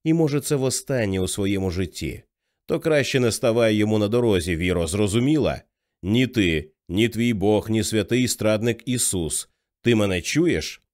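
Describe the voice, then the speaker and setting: A man reading the part of a middle-aged father who speaks sternly, low and measured. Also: a little mellow, natural voice. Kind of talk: audiobook character reading.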